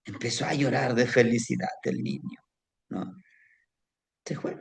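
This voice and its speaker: A man's voice: medium pitch, flat delivery, measured pace, creaky. A man telling a folk tale orally, rambling, with tag questions and lots of diminutives. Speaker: storyteller. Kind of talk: oral folk storytelling.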